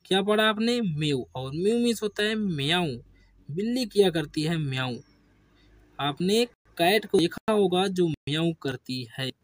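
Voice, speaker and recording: A man teaching English spelling to beginners, drilling words slowly with repeated questions and answers. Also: sits high, animated, no room sound. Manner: slow, repetitive call-and-response drilling. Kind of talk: classroom lesson for beginners.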